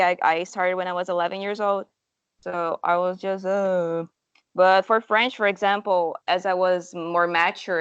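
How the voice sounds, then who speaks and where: In a lo-fi recording, a young woman with a mid-range voice, a language teacher and native Portuguese speaker, responds to interview questions. She's enthusiastic and talkative, restarting her sentences often.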